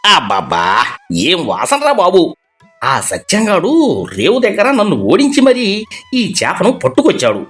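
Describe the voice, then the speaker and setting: A man's voice: high-pitched, huge pitch swings, a little slow, fairly bright tone, faint music behind, heavily acted. A man voicing a sneaky middle-aged neighbor who wheedles and pleads after being caught stealing. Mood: greedy scheming. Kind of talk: animated storybook voice acting.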